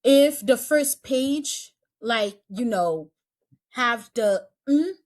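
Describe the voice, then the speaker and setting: A woman's voice: a little high, animated, very slow. A woman casting director chatting in an interview, repeating and restarting her phrases as she talks. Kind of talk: casual interview chat.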